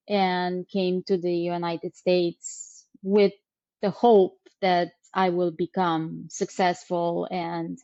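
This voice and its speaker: A middle-aged woman from Romania, answering interview questions reflectively, pausing with fillers. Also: mid-range voice, a little mellow, dull audio. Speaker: guest.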